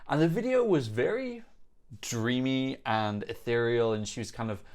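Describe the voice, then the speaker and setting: Thinking out loud as he reviews music videos whose songs play in the background, this reaction show host offers chatty, opinionated, spontaneous commentary. He speaks at a moderate pace in a medium-pitched, darkish voice with lively intonation.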